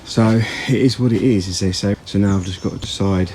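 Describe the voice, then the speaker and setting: A man's voice: on the low side, fairly even intonation, a little fast, a little mellow, slight background noise, poor audio. A man casually talking through an engine strip-down outdoors, rambling and plain-spoken, correcting himself as he goes. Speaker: car repair vlogger. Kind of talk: casual workshop commentary. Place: outdoors in a yard.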